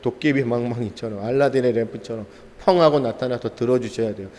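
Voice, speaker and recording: Korean pastor guy preaching, goes loud then drops quiet, big echoey church sound. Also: fairly quick. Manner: rhetorical questions, answers them himself; swings between loud emphatic and quiet low lines. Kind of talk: sermon. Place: church sanctuary. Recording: church hall reverb.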